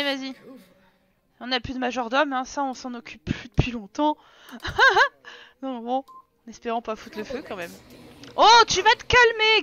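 A woman's voice: sits high, sharp tone, lo-fi sound. A woman with a French accent giving casual, chatty commentary on her own Let's Play, teasing and scolding the characters on screen.

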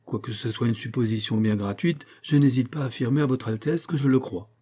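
A man's voice: mid-range voice, a little fast, warm tone, husky, close to an everyday voice. A man reading an audiobook, voicing an honest, steadfast commoner from the mountains who answers earnestly. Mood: resolute.

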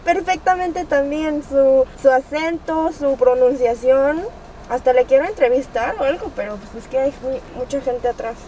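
A young woman with a Mexican Spanish accent, vlogging in a lively, slangy, chatty way from inside a car. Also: high-pitched, moderate pace, a little hiss or hum. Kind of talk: casual vlog talk. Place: in a car at a drive-thru.

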